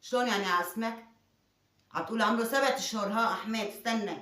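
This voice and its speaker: A woman argues in a rush, her words tumbling out at a fast clip. She keeps pressing with insistent questions, and her voice rings around an echoey room. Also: fairly high pitch, a bit bright. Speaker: wife being pranked. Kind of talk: heated domestic argument.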